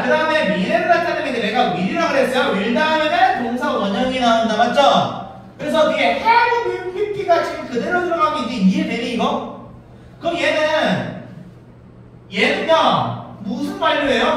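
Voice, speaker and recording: A male English grammar teacher giving a classroom lesson, constantly quizzing his students with quick questions. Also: extremely high pitch, fairly bright tone, slight background noise. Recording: echoey room, mic far off.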